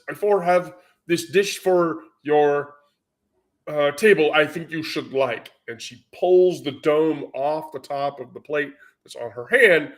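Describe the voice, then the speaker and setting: A man vlogging in casual storytelling mode, rambling and profane, with many fillers. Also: medium pitch.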